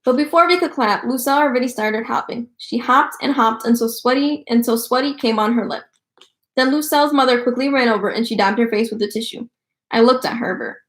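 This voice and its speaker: A woman's voice: on the high side, brisk. Woman reading a children's book aloud. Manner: lively storytelling. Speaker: book club reader. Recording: roomy echo.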